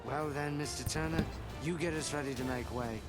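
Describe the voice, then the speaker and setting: An actor playing a roguish, self-serving pirate captain in a video game cutscene, with a sly, theatrical drawl. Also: male voice, fairly high pitch, fairly quick, close to an everyday voice. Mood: sly, wry. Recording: game audio under loud music.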